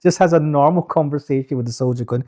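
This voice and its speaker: A man's voice: on the high side, quick pace, dark tone. A man co-hosting a podcast in casual chat, swearing freely and talking over his partner. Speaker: podcast co-host.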